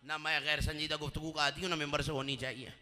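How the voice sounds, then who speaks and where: High, very bright-voiced male preacher. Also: little pitch movement, fast talker. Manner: rhetorical, addresses the audience directly; swings from quiet storytelling to shouted emphasis. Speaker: cleric. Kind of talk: religious sermon. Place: pulpit before a live gathering.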